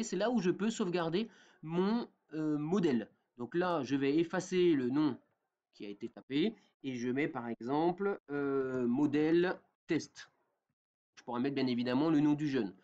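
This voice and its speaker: Man walking through a software tutorial. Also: on the high side, moderate pace, lo-fi sound. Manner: talks step by step with many fillers and a repeated "d'accord?". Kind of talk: screen-recorded software tutorial.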